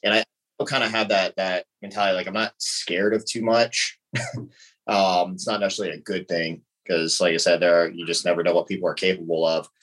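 A man's voice: deep voice, steady tone, fairly quick, fairly bright tone, poor audio. A man in his thirties from the United States, a podcast guest talking casually and laughing lightly between answers. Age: 30s. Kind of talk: casual conversation.

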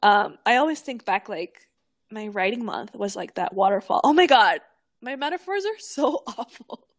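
A young woman co-hosting a podcast, telling stories in a lively, animated way, laughing often and swearing freely. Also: medium pitch, normal speed. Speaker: podcast co-host. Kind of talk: casual podcast chat.

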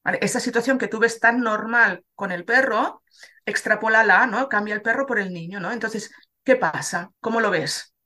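A woman's voice: fairly high pitch, normal speed, bright, forceful tone. A woman from Spain, a dog trainer, explaining things in a casual chat and often checking in with her listener.

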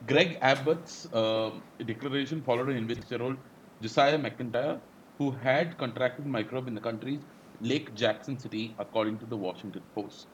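An Indian-accented man co-hosts a casual chat in a mid-pitched voice. There is clear noise behind him as he talks. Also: normal speed, muffled recording. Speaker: co-host.

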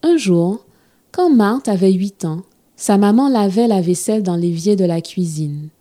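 A woman telling a storybook tale to children in a gentle, expressive reading style. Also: medium pitch, measured pace.

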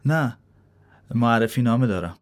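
A man voicing an eager, unsure young employee in a spoken story, speaking quickly and a bit pleadingly. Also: medium pitch, expressive, natural voice.

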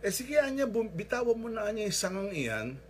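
Man voicing a gentle fatherly God. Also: sits high, a little fast, a little hiss or hum, voice pushed up. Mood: firm. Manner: calm, kindly questioning.

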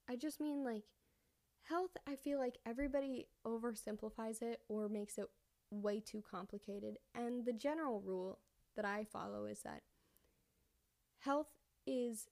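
Woman, young adult, podcast host, casual monologue, slightly out of breath, self-correcting, fairly high voice. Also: gravelly, warm tone. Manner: rambling, self-correcting, conversational. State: a bit out of breath.

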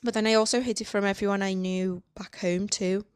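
A woman in her thirties hosting a personal podcast, speaking in a candid, halting and reflective way. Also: medium pitch, fairly even intonation, clear, resonant tone. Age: 30s. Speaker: podcast host.

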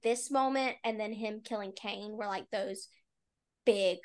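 A woman's voice: medium pitch, a little slow. A woman co-hosting a book podcast, chatting casually about a novel and often dropping "like" as she talks. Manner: chatty, with frequent "like" fillers.

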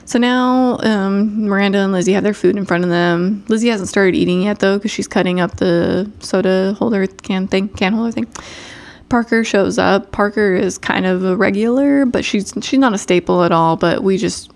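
A woman's voice: mid-range voice, moderate pace, creaky, darkish tone. Rambling woman recapping casually. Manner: rambling, filler-heavy, laughs often. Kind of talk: casual chat.

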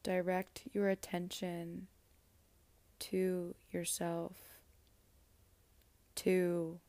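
A woman leads a guided meditation, speaking unusually slowly with long soothing pauses. Her voice sits low and stays level, with little rise and fall. The sound is close and dry. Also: monotone, no echo. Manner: slow, soft, soothing delivery with long pauses.

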